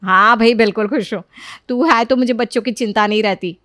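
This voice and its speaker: A woman voicing a bossy, nagging young sister-in-law in a cartoon story, calling out loudly and scolding. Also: brisk, no room sound, clean studio sound, natural voice. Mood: complaining. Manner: loud, scolding, high-pitched.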